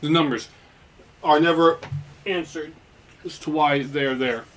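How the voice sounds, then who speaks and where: High-voiced man chatting slowly over gameplay. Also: steady tone. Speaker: let's play commentator. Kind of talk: casual chat and dubbing over a game.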